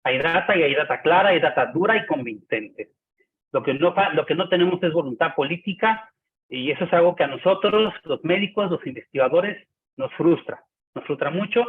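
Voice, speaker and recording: A man's voice: on the high side, animated, moderate pace, husky. A man with a Mexican accent, a physician speaking emphatically on a panel and repeating his points. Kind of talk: panel discussion. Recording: tinny phone-like line.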